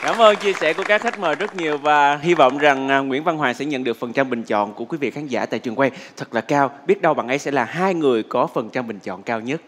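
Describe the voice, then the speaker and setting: Fast-talking male TV show host. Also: medium pitch, fairly bright tone, long reverb tail, a little hiss or hum. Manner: upbeat, formal announcer phrasing. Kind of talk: lively show hosting. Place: TV studio with audience. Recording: studio with music and crowd behind.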